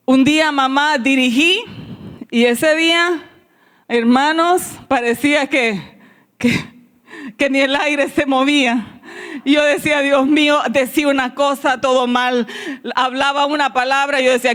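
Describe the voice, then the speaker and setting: High-voiced woman pastor, slow sermon. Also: steady tone, fairly bright tone. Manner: personal storytelling, addressing the congregation as beloved. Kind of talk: sermon testimony.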